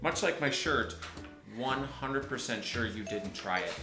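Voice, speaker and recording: A woman's voice: very deep voice, lively intonation, measured pace, roomy sound, over music. A woman co-hosting a casual chat, making dry wisecracks. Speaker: co-host.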